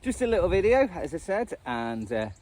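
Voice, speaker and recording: His voice is high and sing-song, a touch mellow, moving at a moderate pace. A hobbyist radio host and video maker, he chats loosely and unscripted, rambling and running himself down, against a noisy outdoor backdrop of static and traffic.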